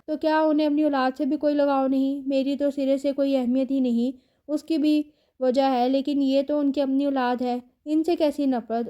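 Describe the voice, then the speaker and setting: A woman reading a romance novel aloud in a steady, even storytelling manner. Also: sits high. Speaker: narrator.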